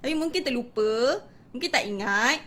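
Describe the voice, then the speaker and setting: High-pitched malaysian lady teacher doing a chatty live stream lesson, lots of little "ha"s. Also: expressive, moderate pace, fairly bright tone.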